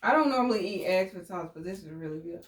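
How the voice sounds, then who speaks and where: A woman's voice: on the low side, animated, fast talker. A woman in casual mukbang chat, chewing noisily between her remarks. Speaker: mukbang co-host. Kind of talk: casual chat while eating. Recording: echoey room with noise and clicks.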